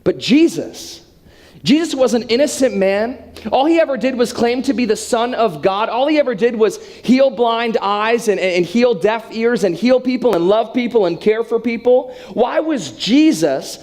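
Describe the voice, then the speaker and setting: A young man preaches to students by telling a story. His voice sits high, and his delivery is dramatic but chatty. He talks straight to the listeners as he goes. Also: darkish tone. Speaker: youth speaker.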